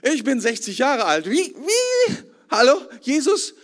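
A man's voice: extremely high pitch, huge pitch swings, a little slow, in a large hall, pitched above the performer's own voice, exaggerated voice. A man doing a baffled sixty-year-old scholar. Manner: incredulous, stammering questions.

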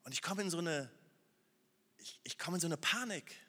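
A man preaching, his voice bright and a little high, in a large hall with a long reverb tail. He swings between urgent, raised appeals to the listeners and quiet, hushed passages of prayer. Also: animated, moderate pace, slightly rough. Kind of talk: sermon.

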